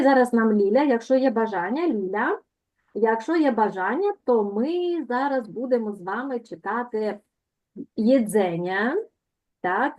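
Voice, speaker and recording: A woman teaching a language lesson over a video call, patiently repeating words slowly to correct pronunciation. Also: on the high side, a little mellow.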